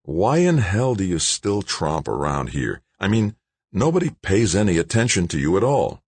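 A man's voice: low-pitched, very animated, normal speed, darkish tone, breathy edge, dry recording, voice pushed up, full character voice. A man reading aloud voices an exasperated middle-aged male engineer who needles his old friend. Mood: skeptical.

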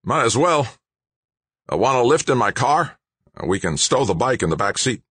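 A man's voice: mid-range voice, big pitch swings, moderate pace, a bit bright, breathy edge, no room sound, pitched above the performer's own voice. A man reading aloud voices a stubborn, serene middle-aged male anti-nuclear protester. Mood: breezy.

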